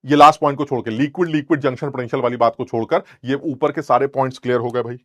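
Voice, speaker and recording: A man's voice: mid-range voice, fairly even intonation, very fast, dry recording. A young male chemistry teacher, rambling and joking as he scolds his students playfully. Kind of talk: lecture with teasing asides.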